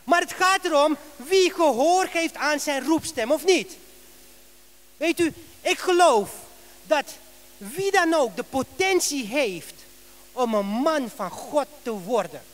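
A male pastor preaching a sermon in a church, telling a story with lively rhetorical questions. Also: very high-pitched, takes it slowly.

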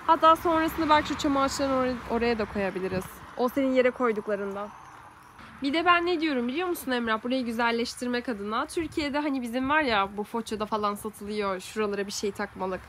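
A woman's voice: on the high side, quick pace, a bit bright, a little hiss or hum. A woman chatting in a casual home vlog, thinking aloud and exclaiming as she films with a handheld camera in a garden. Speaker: vlogger. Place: garden outdoors.

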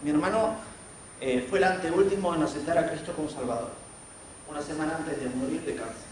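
Argentine preacher in an echoing church. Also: male voice, fairly high pitch, fairly quick. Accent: Argentine Spanish. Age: 40s. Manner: storytelling with acted quotes of others. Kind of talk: sermon testimony. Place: church sanctuary. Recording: very echoey church hall from far off, faint noise.

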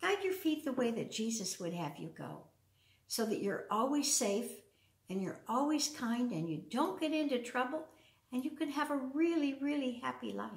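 This storyteller is an older woman around her 70s, reading aloud to young kids with a creaky, expressive, fairly high voice that swings up and down at a moderate pace. She keeps her words simple, often questions her listeners, and chats between passages. The sound is echoey and distant, caught across a large wood-floored living room indoors.

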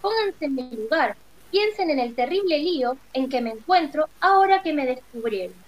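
A woman's voice: high voice, expressive, moderate pace, poor audio. A woman voicing a frightened old male humbug wizard who pleads nervously. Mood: timid.

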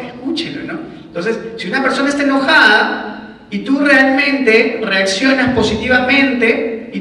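A man's voice: extremely high pitch, bright, forceful tone. A man teaching a class in a chatty way, often asking his students rhetorical questions. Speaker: instructor. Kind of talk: classroom lecture. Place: lecture room. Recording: echoey hall, mic far off.

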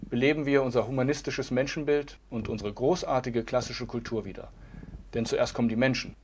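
A man's voice: mid-range voice, brisk, darkish tone, slight background noise. Man reading an earnest campaign address. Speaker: campaign ad speaker. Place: indoors in front of a map backdrop.

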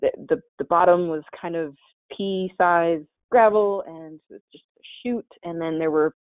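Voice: mid-range voice, moderate pace, no room sound. A caver giving a casual, chatty slide-show presentation in a webinar, with many fillers and restarts. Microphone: webinar call mic. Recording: tinny, dry webinar call audio.

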